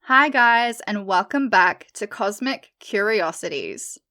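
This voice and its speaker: A woman's voice: medium pitch, lively intonation, slow, bright, forceful tone. A woman hosting a podcast interview, opening with a prepared welcome and then chatting in a friendly way with her guest. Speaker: podcast host.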